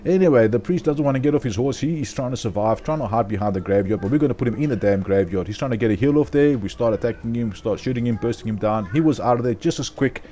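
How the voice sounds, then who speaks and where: A man with a South African accent talks quickly through a casual game commentary. His voice sits at an ordinary middle pitch, and he keeps things chatty and upbeat, calling his viewers "guys" often. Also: mellow. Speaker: gaming video host.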